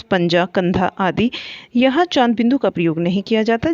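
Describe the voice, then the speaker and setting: A woman's voice: mid-range voice, a little mellow, highs cut off. A woman teaching a grammar lesson for exam preparation, asking questions and then answering them herself, and repeating the key points. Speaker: Hindi teacher.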